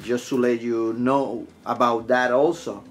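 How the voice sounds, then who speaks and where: Puerto Rican man, Spanish accent, podcast host, rambling and blunt, mid-pitched. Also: steady tone, measured pace. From Puerto Rico. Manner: rambling, frequent restarts, blunt asides. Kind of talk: casual podcast monologue.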